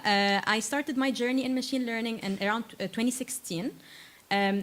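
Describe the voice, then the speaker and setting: A woman in her thirties from Lebanon, giving a conference talk to students and filling her speech with uh and um as she restarts phrases. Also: medium pitch. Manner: frequent uh and um fillers, self-correcting restarts. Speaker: invited tech speaker.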